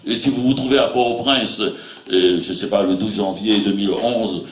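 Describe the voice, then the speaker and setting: A man from Haiti, a writer on a panel, speaking reflectively and haltingly, with many fillers. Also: fairly low pitch, a little hiss or hum. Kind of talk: panel discussion. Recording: roomy hall sound.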